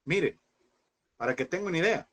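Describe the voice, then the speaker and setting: A man's voice: a little high, expressive, normal speed, a bit bright. A man in his thirties teaching a seminary class as a fervent sermon, speaking through grief and constantly calling his listeners "brother.". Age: 30s. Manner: fervent, addresses listeners as "hermano". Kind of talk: impassioned sermon-style class.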